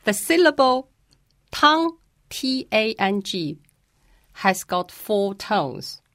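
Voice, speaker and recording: A woman's voice: medium pitch, big pitch swings, slow, dry recording, clean studio sound. A woman who teaches Mandarin, answering interview questions patiently and carefully, and demonstrating pronunciations as she explains.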